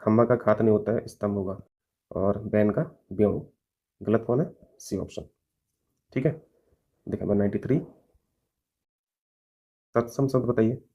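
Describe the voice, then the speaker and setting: A man's voice: lowish voice, steady tone, measured pace, long pauses, dull audio. A man teaching a Hindi grammar lesson, working through mock test questions step by step and often checking in with his students. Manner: explains step by step, often checking with "theek hai" and "hai na". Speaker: exam coaching teacher.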